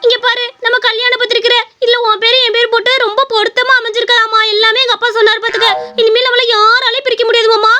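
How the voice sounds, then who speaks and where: A coy, affectionate young village bride in a cartoon story, voiced by a woman. Her voice is very high and bright, sweetly coaxing, over a faint hiss. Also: level tone, fast, hardly any pauses. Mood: excited. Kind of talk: cartoon voice acting.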